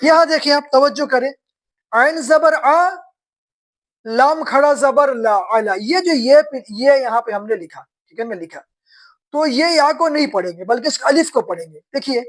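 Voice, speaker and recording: A woman teaching beginners to read, spelling words slowly syllable by syllable and quizzing her students. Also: high voice. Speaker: Quran reading teacher.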